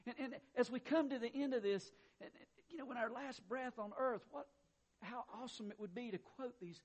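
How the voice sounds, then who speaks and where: A man preaching a sermon, reading quietly and then building to loud, emphatic exclamations with repeated words. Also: very high voice, a little fast. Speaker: pastor.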